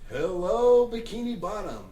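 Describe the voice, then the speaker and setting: A hammy fish news reporter, played by a man with a lively, swooping newscaster voice. Heard at a distance in an echoey home room with light hiss. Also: high-pitched, unhurried. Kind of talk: amateur fan voice acting.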